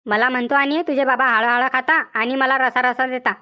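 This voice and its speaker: A woman's voice: high-pitched, fairly even intonation, a little fast, pushed and bright. A woman voicing a complaining young village wife in a cartoon comedy, with a rural Vidarbha Marathi accent. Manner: whiny, complaining.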